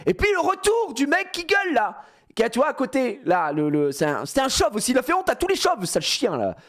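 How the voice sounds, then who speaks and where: A man streaming a casual storytime, retelling events in an animated way with slang and frequent laughter. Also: extremely high pitch, fairly quick.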